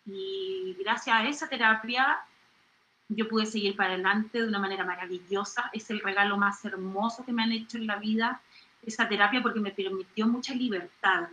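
A middle-aged Chilean woman in a studio interview, animated, exclaiming and acting out little voices as she talks. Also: medium pitch, moderate pace, roomy sound, highs cut off, a little hiss or hum. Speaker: singer and comedian guest.

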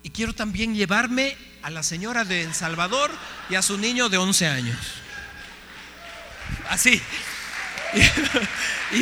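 A man, a pastor, telling a story in a sermon with lively acted-out dialogue. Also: high-pitched. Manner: animated storytelling, acting out dialogue. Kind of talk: sermon testimony. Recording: hall reverb, faint hum.

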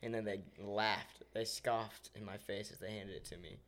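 A man's voice: on the low side, steady tone, normal speed, fairly bright tone. A young man who is a podcast guest, joking in a dry, laid-back way in casual chat.

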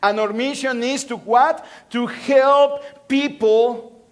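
A man's voice: extremely high pitch, fairly even intonation, slow. A male pastor from Mexico City with a Mexican Spanish accent, preaching a sermon with call-and-response and repeated phrases. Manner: call-and-response, repeating phrases with swings between loud and soft. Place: church.

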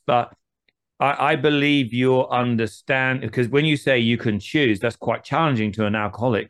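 A man's voice: medium pitch, clean tone. A man hosting an interview, asking long, winding questions full of asides. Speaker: host. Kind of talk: conversational interview.

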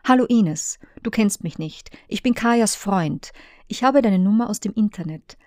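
A woman's voice: mid-range voice, animated, normal speed, darkish tone, no room sound, clean studio sound, close to an everyday voice. A woman reading the written messages of a man who is upset about his partner, voiced plainly and urgently. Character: Joe, a distressed man in love.

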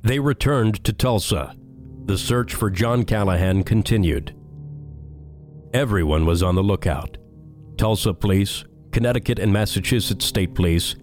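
Deep-voiced man narrating a podcast. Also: moderate pace, a little mellow, faint music behind. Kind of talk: scripted narration.

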